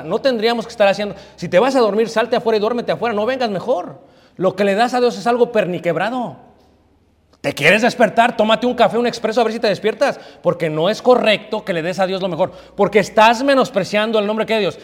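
A male pastor with a voice that sits high preaches a sermon in a church hall, the sound big and roomy. He scolds his congregation and poses questions he then answers himself.

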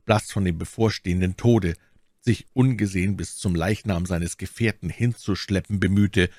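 A man narrating a classic adventure novel as an audiobook, in a measured, dramatic way. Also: low-pitched, a little mellow, dry recording, clean studio sound.

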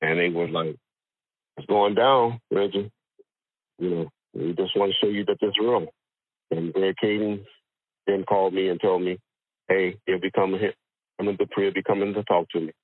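A man calling in by phone who holds the phone away from his mouth, so his halting, repeating speech is hard to make out. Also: sits low, fairly even intonation, dry recording. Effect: phone held away from the mouth, hard to make out. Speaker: phone-in guest. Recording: tinny phone line.

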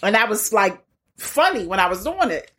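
Husky woman with a Baltimore accent. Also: medium pitch, big pitch swings, normal speed, a bit bright. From Baltimore, United States. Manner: blunt, profane, slangy. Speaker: stand-up comedian, podcast guest. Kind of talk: casual candid chat, storytelling.

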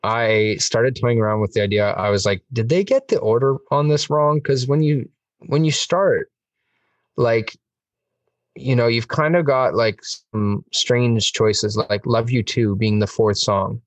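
A man's voice: lowish voice, slow pace, no echo, recorded from a distance. A man chatting on a music podcast, enthusiastic and rambling, with lots of fillers. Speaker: podcast host. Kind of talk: casual music podcast chat.

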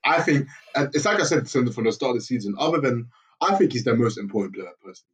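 A young man talks football in loose, slangy banter. His voice is husky and sits a little back from the microphone. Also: mid-range voice, lively intonation, fast talker, distant mic. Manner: laid-back slangy banter, laughs often. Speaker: podcast co-host. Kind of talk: casual football chat.

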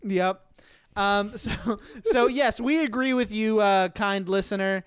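Male podcast host, casual and jokey, smooth voice, dry sound. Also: high voice, takes it slowly, dry recording. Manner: laid-back, joking, lots of fillers.

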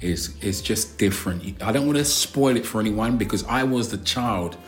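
A man with a lowish voice and a South London accent. He talks casually, stretching his words in a slangy local way. There is faint music behind his voice. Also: normal speed. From South London, England. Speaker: co-host of a couple's vlog. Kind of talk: casual chat.

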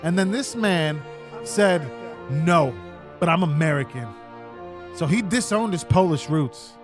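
A man co-hosting a podcast in loud, joking casual chat, swearing and laughing often. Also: a little high, expressive, measured pace, music in the background. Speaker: podcast co-host.

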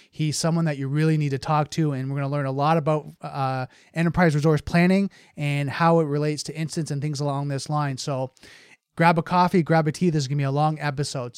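A man's voice: fairly high pitch, steady tone, fairly quick, darkish tone, clean tone, no echo, clean studio sound. A man hosting an interview podcast, upbeat and eager, asking a guest about his work. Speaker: podcast host. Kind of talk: casual interview chat.

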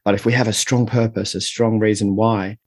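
A man's voice: lowish voice, level tone, fairly quick, darkish tone, slightly rough, dry recording, clean studio sound, faint music behind. A middle-aged man speaking reflectively as an interview guest, explaining and telling stories in a conversational way. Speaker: interview guest, leadership coach.

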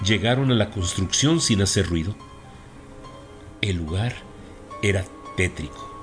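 Guy reading a spooky story, steady dramatic delivery, soft music behind. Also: low voice, a little slow. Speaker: narrator. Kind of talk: scripted narration of a horror story.

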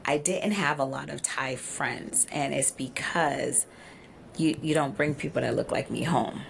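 A woman's voice: very deep voice, a little slow, gravelly, slight background noise. A woman in her forties, a podcast guest, telling travel stories in casual chat and acting out quotes. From United States. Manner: animated storyteller, acts out quotes. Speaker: podcast guest, event organizer.

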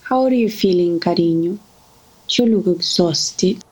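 A woman acts out a warm, motherly older woman in a family drama. Her voice sits fairly low and sounds husky. She speaks gently and affectionately. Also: a little slow, poor audio. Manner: gentle, affectionate, calls others darling. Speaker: family friend. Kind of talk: drama acting.

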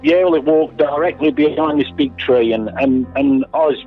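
Middle-aged Australian man, slightly high-voiced, telling his story emphatically with casual swearing and restarts. The sound is thin and phone-like, with faint music underneath. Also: moderate pace. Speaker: interviewee, landowner.

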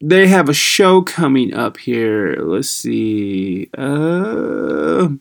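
A man's voice: medium pitch, sing-song, drawn-out words, gravelly. Rambling American man on tinny laptop mic. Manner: rambling, searching for words, mildly self-deprecating. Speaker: podcast host. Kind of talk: casual, unscripted podcast intro. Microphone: computer's built-in microphone. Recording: tinny laptop built-in microphone.

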